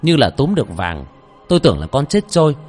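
A man's voice: medium pitch, sing-song, brisk. Man telling a horror story over music. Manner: shouts out names during tense scenes. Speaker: storyteller and host. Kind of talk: dramatic horror story narration. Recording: soft music behind the voice.

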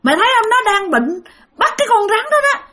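A woman voicing a taunting pale demon that yells and jeers in a shrill voice, in a spoken ghost story. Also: big pitch swings, fast, full character voice. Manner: shrill, yelling and jeering.

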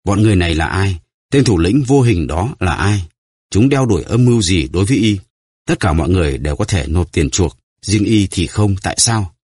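A man voicing a terrified, starving greedy prisoner who pleads and stammers, in a husky voice. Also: low voice, animated, a little fast, a little mellow, no echo, clean studio sound. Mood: anguished.

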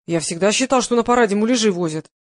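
A woman's voice: medium pitch, quick pace, no echo, studio quality, natural voice. A woman voicing a jokey, pushy male film director in an audiobook, teasing and clowning. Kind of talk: audiobook reading.

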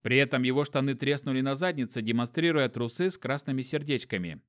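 A man narrating a fantasy novel as an audiobook reader, lively and expressive. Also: mid-range voice, fast.

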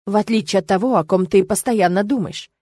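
A woman's voice: mid-range voice, brisk, mellow, no room sound, clean studio sound, natural voice. Woman reading as a smug sneering male demon. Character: mocking menacing male demon, smug and cold. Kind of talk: audiobook character reading.

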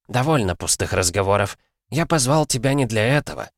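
A man's voice: on the low side, lively intonation, a little fast, no room sound, clean studio sound, voice pushed up. A man voicing a stern old clan head who speaks in a grave, commanding way. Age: older.

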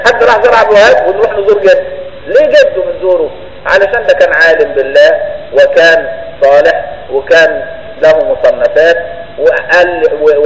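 A man with an Egyptian Arabic accent teaches a colloquial religious lesson in a high voice, repeatedly asking his listeners if they've understood. His conversational delivery comes through a poor recording with a roomy, big-room sound and a little hiss or hum.

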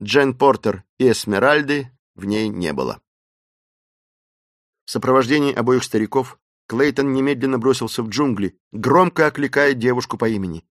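A man reads an adventure story aloud in a mid-pitched voice, steady and expressive. The recording is dry and close, with no room echo around him. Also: moderate pace. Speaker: audiobook narrator. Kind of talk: dramatic storybook narration.

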